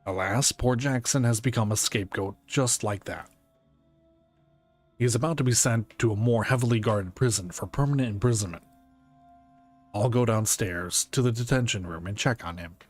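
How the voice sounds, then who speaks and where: A man reading game dialogue aloud as a calm, conscientious police detective, in a serious and deliberate way. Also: on the low side, no room sound, soft background music, close to an everyday voice. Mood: puzzled.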